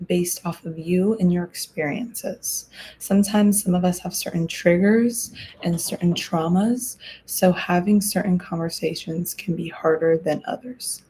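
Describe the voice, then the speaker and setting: A young woman in her twenties hosting a podcast, talking through advice in an earnest, reflective way, pausing and restarting as she thinks. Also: on the low side, mellow, a little hiss or hum. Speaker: podcast host. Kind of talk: casual advice talk.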